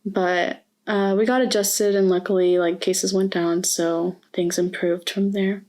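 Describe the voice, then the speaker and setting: Young woman answering interview questions, pretty monotone, lots of pauses and ums. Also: mid-range voice. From Mexico. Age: young adult. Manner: earnest and reflective, with frequent hesitations. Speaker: student interviewee. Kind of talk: oral history interview. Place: university campus.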